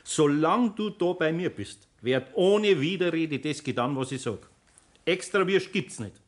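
A male actor with a slightly high, animated voice plays an older master carpenter, patient yet firm, with a Bavarian accent in a 1960s radio play. He speaks homely and deliberately, and his mood comes across as stern and firm.

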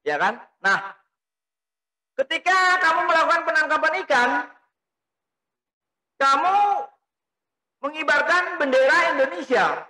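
A middle-aged man with a very high, bright, forceful voice gives a lecture in a small indoor room, gesturing as he talks. He explains things step by step at a measured pace with lively intonation and frequent pauses, asking and answering his own questions. A desk mic on a stand picks him up, and the recording is rough.

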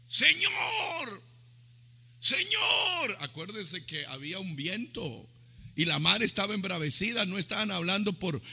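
A man from Ecuador preaching a Pentecostal sermon, swinging from loud cries to hushed calls to worship, breaking into tongues and acting out voices from the story. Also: sits high, breathy edge, in a large hall. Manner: shouting, speaking in tongues, calls for praise; acts out the disciples' cries. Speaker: pastor.

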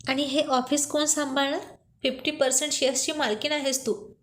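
A woman reading a teasing young boss, high and light. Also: level tone, a bit bright. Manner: playful, coaxing lines read slowly. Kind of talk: storybook reading.

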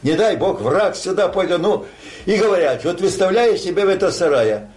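A man's voice: high-pitched, lively intonation, normal speed, darkish tone. An older man telling a war story like a grandpa, rambling and colloquial, acting out dialogue. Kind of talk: casual oral war storytelling.

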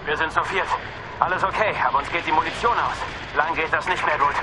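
A shaken soldier of a trapped patrol, calling for rescue over a military radio in clipped, urgent bursts. His voice sits high for a man. The radio call comes through over loud battle noise. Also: fast talker. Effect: heard over a military radio. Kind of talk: German game dub.

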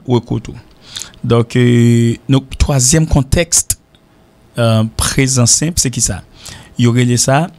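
A man with a Haitian accent teaches an English grammar lesson on the radio, with a gravelly, creaky edge to his voice. He goes over each point several times and keeps checking that his listeners follow. His pitch sits in an ordinary middle range. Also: darkish tone. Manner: repetitive, explanatory, checks in with "hein?" and "ok?"; mixes French with Creole. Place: radio studio.

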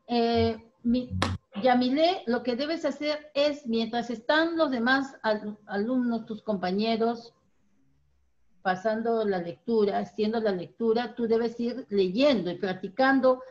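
A woman teacher with a high voice leads a primary reading class over a dull, lo-fi video call. She praises often and slows down to model each word. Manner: encouraging, corrects pronunciation slowly.

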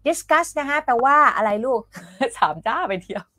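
Lively woman teaching English online. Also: high-pitched, unhurried, no room sound. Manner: chatty, laughs often, coaxes students to answer. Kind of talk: live online English lesson.

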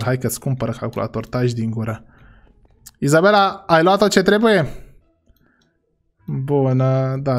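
A man's voice: mid-range voice, a little mellow. A young man hosting a comic family role-play over a game, exasperated and often talking straight to his viewers. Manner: exasperated, keeps sighing to God and talking to viewers. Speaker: gaming channel host.

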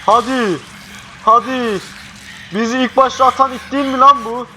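A young man playing a horror game, swearing and jumpy, swinging from panicked yells to hushed mutters. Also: extremely high pitch, steady tone, normal speed, slight background noise. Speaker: gaming youtuber. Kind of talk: horror game let's play commentary.

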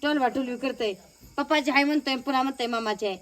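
High-voiced woman vlogging. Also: fast, fairly bright tone. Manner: chatty, coaxing a toddler with questions. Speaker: village vlogger. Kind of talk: casual home vlog chat.

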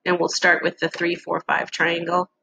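Casting: female instructor, bright with vocal fry, casual halting walkthrough, slight background noise. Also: fairly low pitch, monotone, low-quality recording. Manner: casual, halting explanation with pauses. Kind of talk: screen-shared lesson walkthrough.

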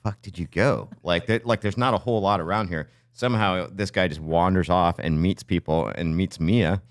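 A man's voice: low voice, fairly even intonation, moderate pace, no room sound, clean studio sound. A man co-hosting a podcast, telling loose, profane stories full of fillers in casual chat. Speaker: podcast co-host.

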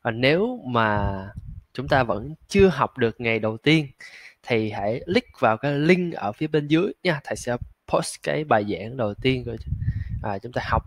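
A man leads an English pronunciation lesson, pausing on fillers and drawing each model word out very slowly. His voice sits at an ordinary middle pitch. The sound is dry and close, with almost no room echo. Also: expressive. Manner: slow, drawn-out model words, frequent filler "à". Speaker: English teacher.

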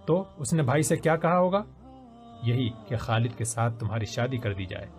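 A man's voice: medium pitch, expressive, faint music behind, lightly acted. A man voicing a playful, affectionate young woman who teases her friend like an older sister. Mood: teasing. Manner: playful, teasing.

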